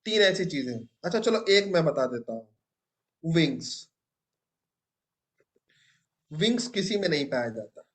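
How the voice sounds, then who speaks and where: A man's voice: a little high, lively intonation, unhurried, pauses often, fairly bright tone. A young man teaching a biology class, asking students questions and praising their answers. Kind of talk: classroom lecture.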